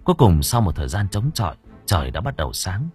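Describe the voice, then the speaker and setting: Male audiobook narrator, low husky voice, lively intonation, dramatic horror storytelling. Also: quick pace, faint music behind.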